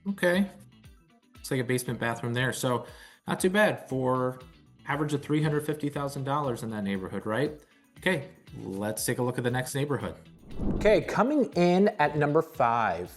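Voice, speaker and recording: A man presents a property countdown like an informal online host. His voice sits at an average male pitch, and he tends to repeat key phrases as he moves through the ranking. Soft music plays underneath. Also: fairly quick. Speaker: real estate video host. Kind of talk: top ten countdown presentation of neighborhoods.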